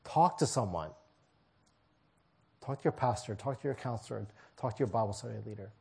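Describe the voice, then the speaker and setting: A man's voice: lowish voice, lively intonation, a little fast, gravelly, darkish tone, husky. A man preaching a sermon to his congregation in a church, pleading and emphatic, driving points home with repeated phrases. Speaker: pastor.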